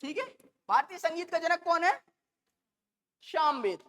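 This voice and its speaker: A woman teacher lecturing a class, repeating and dictating key terms slowly and addressing the students affectionately. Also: very high voice, fairly bright tone. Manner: calls students "beta" and "bachche".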